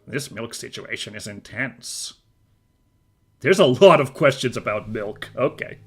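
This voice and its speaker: A man's voice: medium pitch, expressive, measured pace, a bit bright, husky. A man streaming a video game, giving casual commentary with rambling, self-amused asides.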